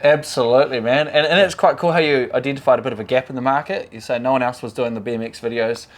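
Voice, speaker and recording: A man's voice: mid-range voice, steady tone, fast. A man hosting a casual interview, upbeat and encouraging, often repeating words as he talks. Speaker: host.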